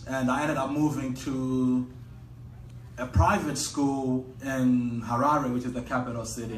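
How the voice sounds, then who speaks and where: A young Zimbabwean man tells a personal story at a live storytelling evening, speaking at a middle pitch. He takes his time, pausing often in a measured, reflective way. The sound is echoey and picked up from some distance, with faint noise behind him. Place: event venue with an audience.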